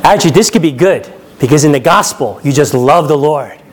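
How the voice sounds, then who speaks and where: The sermon comes from a New Yorker with a slightly high, animated voice who talks briskly and conversationally, laughing at his stories and checking in with "right?" A bit of hiss or hum sits under the recording.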